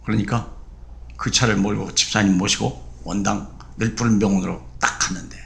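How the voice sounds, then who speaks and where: A middle-aged man preaching a sermon as a pastor, telling a story with lively bursts and acted-out quotes. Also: moderate pace, creaky. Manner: animated, acts out quotes with sudden high bursts.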